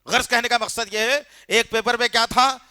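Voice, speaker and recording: A man's voice: very high-pitched, fairly even intonation, pushed and bright, smooth, no room sound, studio quality. A man preaching a sermon. He tells the story with fervour and indignation, and he puts questions straight to his listeners. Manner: storytelling, questions the audience directly; fervent, indignant.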